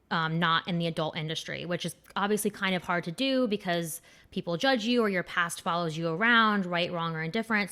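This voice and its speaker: A young woman hosts her podcast in loose, candid chat, swearing freely and wandering off on tangents. Her voice sits a little low and sounds smooth and clear. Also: fairly bright tone. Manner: candid, crude and rambling, with many fillers. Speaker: podcast host. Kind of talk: casual chat.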